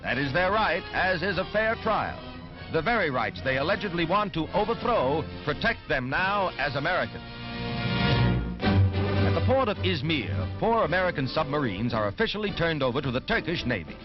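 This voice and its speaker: An old newsreel narrator, a man with a high, emphatic announcer's voice. He delivers every line with dramatic urgency, and the sound is dull and lo-fi like an old film soundtrack. Orchestral music plays clearly beneath him. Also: sing-song, normal speed.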